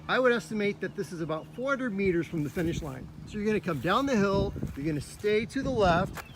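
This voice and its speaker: Here a man with a voice that sits high tours a cross country course on foot, coaching and describing the route as he goes. His walking commentary is upbeat and instructive, slightly breathless, recorded outdoors on a park trail with faint background noise.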